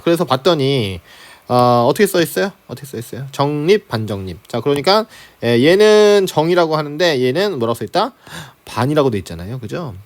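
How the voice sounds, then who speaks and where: A man teaching reading comprehension for exams in a lecture, often checking in with rhetorical questions. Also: fairly high pitch. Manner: lively, frequent rhetorical questions and "자, 그죠?" check-ins. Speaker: Korean language teacher. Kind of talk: exam-prep lecture.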